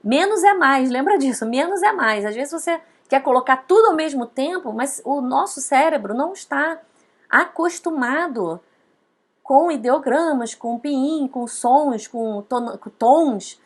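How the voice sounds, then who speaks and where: High-pitched lady teacher, chatty, keeps asking "right?" after her points. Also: expressive, unhurried. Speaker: Mandarin teacher. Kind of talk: casual online lesson.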